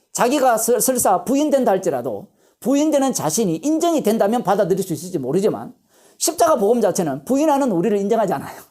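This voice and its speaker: A woman pastor giving a Bible lecture sermon, emphatic and animated, posing rhetorical questions and answering them herself. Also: on the low side.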